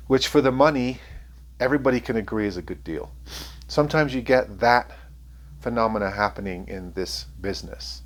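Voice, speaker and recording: A man reviewing guitars, talking to camera in a frank, rambling way with many fillers and a sniffly voice. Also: medium pitch. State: sniffly from allergies. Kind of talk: casual talk to camera.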